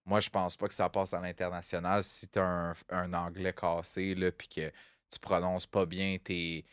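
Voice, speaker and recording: Deep and level-toned, this young Québécois-accented man talks at a moderate pace, his smooth voice a bit bright in echo-free studio audio. Co-hosting a podcast, he rambles casually, peppering his speech with fillers and English expressions.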